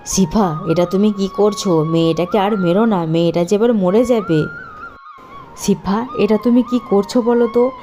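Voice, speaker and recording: A woman's voice: medium pitch, moderate pace, mellow, lightly acted. A woman voicing a loving middle-aged village father in a cartoon, who talks tenderly to his daughter and turns stern when he is crossed. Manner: pleading, then stern and threatening. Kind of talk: cartoon voice acting. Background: faint background music.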